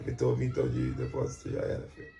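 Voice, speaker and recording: A man's voice: very deep voice, wildly swooping pitch, quick pace, gravelly, dark tone, soft background music. A man from Brazil hosting a casual vlog chat, slangy and plugging a sponsor link, tagging lines with "certo, rapaziada?". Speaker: host.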